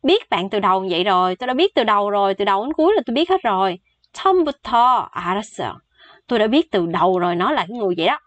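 A woman, chattily explaining Korean phrases and repeating each one slowly for learners. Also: mid-range voice, big pitch swings, no room sound, muffled recording. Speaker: Korean language teacher.

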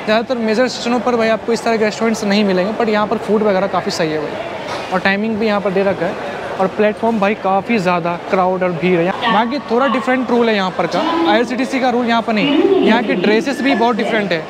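Young male travel vlogger, high voice, easygoing chat on a lapel mic, heavy station noise. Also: quick pace, a crowd in the background. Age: 20s. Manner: chatty, keeps calling viewers "bhai". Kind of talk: casual travel vlog narration. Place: busy railway station platform and food court, indoors and out. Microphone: clip-on lapel mic and handheld camera. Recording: loud station noise behind.

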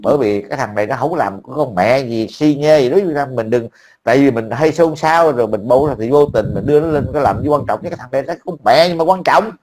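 A man's voice: mid-range voice, fast talker, darkish tone. A man, talking casually to a friend as an online commentator, blunt, profane and mocking.

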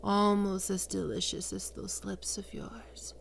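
In an ASMR roleplay, a woman plays a seductive, domineering demon queen of lust, speaking slowly and sultrily and often dropping to a whisper. Her voice is medium-pitched, level in tone and gravelly.

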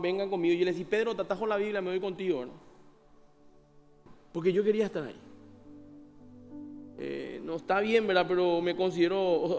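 A man from Paraguay with a high-sitting voice preaches in a large church hall. His sermon is conversational, with questions put to the congregation and little scenes of dialogue acted out.

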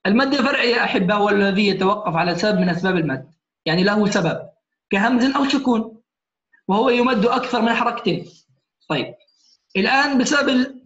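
Man, classroom teacher, higher pitch, patient explainer, roomy lo-fi sound. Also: a bit bright. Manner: patient, keeps checking "alright?" with students. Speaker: Quran recitation teacher. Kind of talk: classroom lecture. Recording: echoey room, muffled lo-fi sound.

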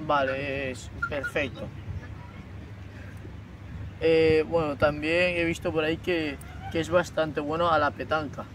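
A teenage boy plays a stiff, formal sports official on a prank call, stumbling over fillers. His fairly high voice sounds distant, caught by a far camera in a park. Clear outdoor noise runs underneath. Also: fairly even intonation, measured pace, pauses often, a bit bright. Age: teens. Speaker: prank caller. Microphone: phone on speaker, far camera.

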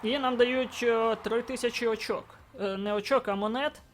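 A man commentating his own football video game match, getting excited and shouting at goals and chances. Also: extremely high pitch, normal speed, soft background music. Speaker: gaming YouTuber.

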